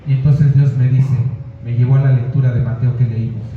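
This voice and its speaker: Pastor preaching in an echoey hall. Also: male voice, medium pitch, little pitch movement, fairly quick, slight background noise. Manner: conversational preaching, addressing listeners directly. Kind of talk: sermon. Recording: echoey hall, dull lo-fi sound.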